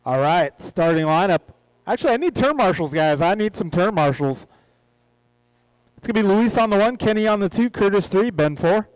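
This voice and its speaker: A man with a fairly high voice runs the announcing at a hobby race track. He calls lineups and race positions and jokes casually between heats. The sound is dry and close. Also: animated, normal speed, no room sound, poor audio. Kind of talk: live race commentary. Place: outdoor RC track.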